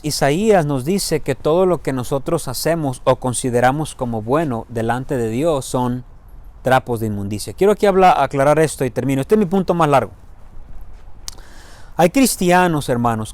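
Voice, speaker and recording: A man's voice: on the high side, no room sound. A male pastor preaching a sermon in a church, questioning the congregation and rising to stress key words. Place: church sanctuary.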